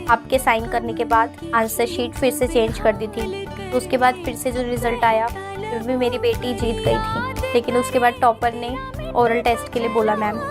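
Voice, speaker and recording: A woman in the role of a mother confessing to swapping answer sheets, speaking in a flat, confessional way. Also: fairly high pitch, lightly acted.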